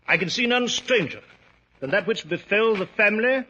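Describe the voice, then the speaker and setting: An actor playing a genteel English doctor recounting old adventures, courteous and formal, in 1940s radio style. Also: male voice, high-pitched, lively intonation, pushed and bright, a little hiss or hum. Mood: genial, storytelling. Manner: courteous, formal, measured storyteller. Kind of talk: 1940s radio acting, storytelling. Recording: muffled 1940s radio recording.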